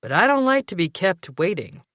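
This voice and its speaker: A woman's voice: lowish voice, sing-song, normal speed, fairly bright tone, dry recording, clean studio sound, pitched above the performer's own voice. A woman voicing a smug, cool-voiced man full of bravado with a predatory tone.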